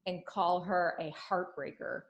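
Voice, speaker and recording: A middle-aged woman appears as a comedian guest, performing dry stand-up over a video call with plenty of laughter and filler words. Her voice is fairly low and unhurried, and the sound quality is lo-fi.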